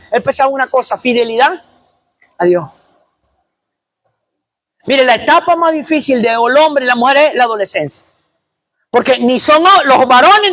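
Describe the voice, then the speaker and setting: A man's voice: extremely high pitch, fairly bright tone, a little hiss or hum. A man preaching a sermon, emphatic and repetitive, calling out questions to the congregation. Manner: emphatic, repeats lines, asks the congregation "¿aló?".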